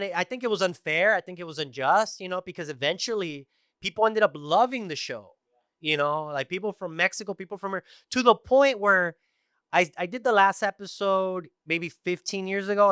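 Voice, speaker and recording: This middle-aged podcast guest, who hails from Tijuana and East Los Angeles, chats casually with brisk energy and keeps dropping "you know" and "like" into his animated storytelling. The sound is close and dry, and his voice comes across crisp, bright and rather high.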